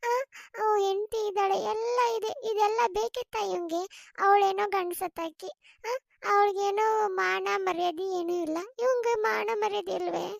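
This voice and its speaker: A woman's voice: very high voice, moderate pace, gravelly. A woman with a North Karnataka accent voicing a fiery village wife who rants and scolds after catching her husband cheating. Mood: furious ranting. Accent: North Karnataka Kannada. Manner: ranting, scolding. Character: furious betrayed village wife, fiery and loud.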